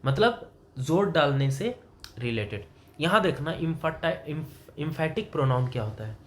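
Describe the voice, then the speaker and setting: Male English tutor, slightly high voice, quizzing style, faint room noise. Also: expressive, slow pace. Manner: asks the student questions and answers them himself; explains in Hindi mixed with English terms. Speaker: English teacher. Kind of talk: classroom grammar lesson.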